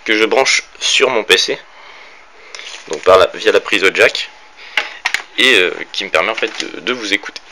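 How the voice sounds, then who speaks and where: Speaking at a moderate pace in a lowish voice with long pauses, a young man with an Orléans-area French accent shows his room and gear in a casual vlog. Filmed by hand on a phone, he rambles with many fillers and self-corrections, and faint background hiss comes from the cheap phone.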